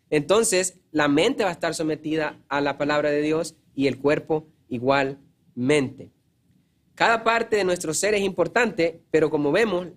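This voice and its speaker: A man preaching a sermon in an earnest teaching tone, repeating key phrases and often clearing his throat. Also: on the high side.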